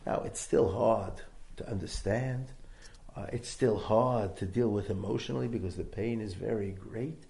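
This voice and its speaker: A man's voice: fairly low pitch, normal speed, vocal fry, warm tone. A man giving a rabbi's sermon, emphatic, repeating phrases with building intensity. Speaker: rabbi giving a religious talk.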